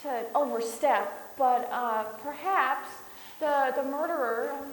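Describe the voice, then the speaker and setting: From far off in an echoey hall comes a dithering old lady played by a woman. She is high-voiced, sweetly polite and hesitant, rambling along in a comic stage manner. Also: takes it slowly. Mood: apologetic. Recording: echoey hall from afar, faint hiss.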